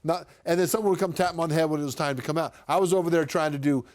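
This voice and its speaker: A man, a former player working as a studio analyst, telling a measured story from his playing days. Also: on the high side, darkish tone, no room sound. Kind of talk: studio sports talk.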